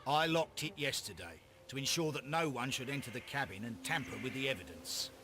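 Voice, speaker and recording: An actor playing an earnest Victorian police inspector in a video game, with an English accent and an emphatic, matter-of-fact manner. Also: male voice, medium pitch, lively intonation, brisk, over music, natural voice. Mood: businesslike. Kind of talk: video game dramatic acting. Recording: clear background noise and outdoor ambience.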